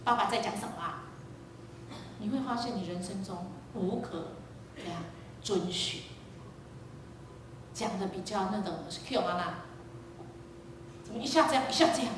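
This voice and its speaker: A woman preacher giving a sermon, telling a lively story and quizzing the congregation. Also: fairly high pitch, slight background noise. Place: church sanctuary. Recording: echoey church hall, distant mic.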